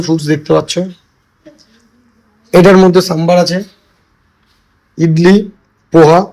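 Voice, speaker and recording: A man's voice: on the high side, a little mellow, low-quality recording. A man talking casually to his viewers as he films his trip around a seaside hotel and restaurant on a phone camera. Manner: chatty, addresses viewers directly. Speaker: travel vlogger. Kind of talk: casual travel vlog.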